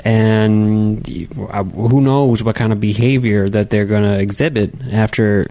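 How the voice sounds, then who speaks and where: A man's voice: lowish voice, fairly even intonation, measured pace, mellow. A young man hosting a casual comedy podcast into a studio microphone, rambling and joking with mock exasperation. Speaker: podcast host.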